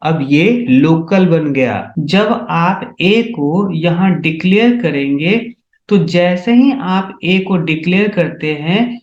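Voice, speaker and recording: A man's voice: a little high, slow. A man teaching C programming in a step-by-step tutorial, often asking whether his students are following along. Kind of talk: screen-recorded coding tutorial. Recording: echoey, dull lo-fi room sound.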